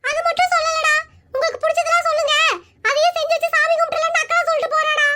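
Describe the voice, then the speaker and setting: A woman voicing a quick-tempered elderly mother-in-law in a cartoon skit, scolding and whiny. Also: flat delivery, sharp tone. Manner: shrill, scolding and wailing.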